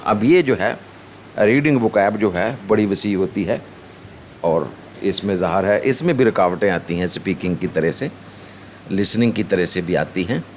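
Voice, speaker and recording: A Pakistani-accented male lecturer with a very low, deep voice explains vocabulary to his students. He reads English definitions slowly, pauses often with fillers, then explains them in Urdu. A faint hiss of noise sits under the recording. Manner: slow, halting delivery with frequent fillers, mixing English and Urdu. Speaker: college lecturer.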